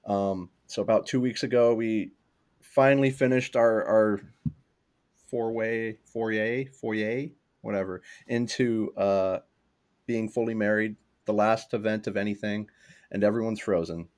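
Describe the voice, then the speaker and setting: A man's voice: fairly low pitch, steady tone, unhurried, a little mellow. A young man hosting a casual podcast, chatty and rambling, with plenty of ums and laughs. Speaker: podcast host.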